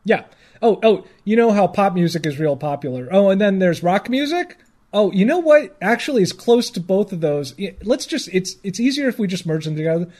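A man's voice: high voice, lively intonation, brisk, darkish tone. A man co-hosting a podcast in casual banter, reading aloud and ranting with mock exasperation. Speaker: podcast co-host.

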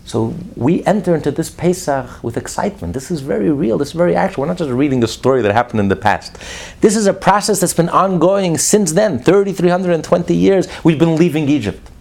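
A man preaching a sermon as a rabbi, emphatic, swinging between loud declarations and hushed asides. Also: fairly high pitch, expressive, a little fast, gravelly.

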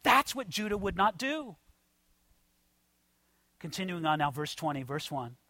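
Animated high-voiced male preacher. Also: measured pace, no room sound. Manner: animated, conversational, addresses listeners as friends. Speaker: pastor. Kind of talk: expository sermon.

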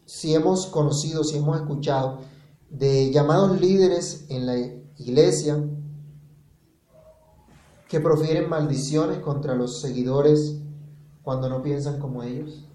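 A man's voice: a little high, mellow, roomy sound, low-quality recording. A man preaching a sermon, reading verses aloud and putting questions to his listeners.

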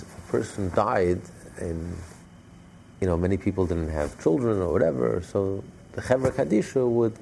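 A man's voice: low-pitched, creaky, warm tone, slight background noise. A man telling a Torah story in a storytelling lesson, repeating and stressing his points. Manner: repetitive, emphatic storytelling with many restarts. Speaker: Torah teacher.

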